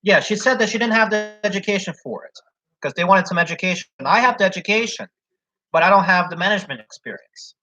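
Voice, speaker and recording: On a dull, lo-fi recording, a young man speaks fast in a high, pushed, bright voice. He's a job applicant casually recounting a job situation at length, rambling along with plenty of "like" and "so."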